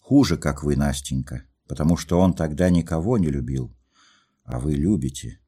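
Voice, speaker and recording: A lovesick young dreamer, earnest and agitated, played by the reader himself. His voice is deep, dark and husky, with fervent, pleading outbursts. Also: moderate pace. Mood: anguished.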